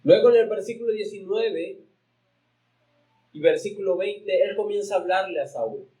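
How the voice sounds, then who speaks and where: High-voiced preaching man. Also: animated, normal speed, warm tone, rough recording. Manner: preaching with emphatic pitch swings, reading scripture aloud; repeats words while searching for the next phrase. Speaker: pastor. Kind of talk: sermon.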